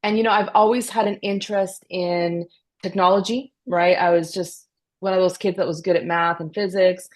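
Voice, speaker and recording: A woman's voice: on the low side, steady tone, moderate pace. A woman who grew up in Canada after being born in Peru, a company founder speaking thoughtfully as a podcast guest. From Peru, raised in Canada. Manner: thoughtful, earnest. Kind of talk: conversational interview.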